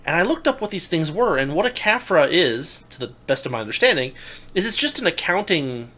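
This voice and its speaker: A young adult man in casual political talk, animated and incredulous, often restarting his sentences. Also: fairly high pitch, fairly quick. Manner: animated, rising to loud incredulous emphasis; restarts and stammers mid-sentence. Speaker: podcast co-host.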